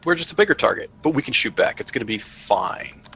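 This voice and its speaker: A man playing a tabletop game online, joking, animated and given to swearing. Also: medium pitch, quick pace, faint music behind. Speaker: player. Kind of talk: tabletop role-play chat. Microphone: online voice chat.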